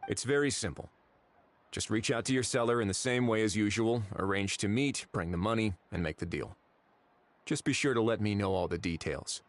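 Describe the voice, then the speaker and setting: A man's voice: on the low side, normal speed, close to an everyday voice. An actor voicing a composed, authoritative male investigator in a video game.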